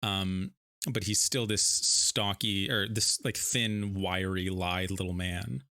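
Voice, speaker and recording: A young man hosts a tabletop game stream and rambles through a vivid description of his character. His voice is bright and a little low. The sound is close and dry. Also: takes it slowly, no echo. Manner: rambling, animated, with fillers. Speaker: streamer and player.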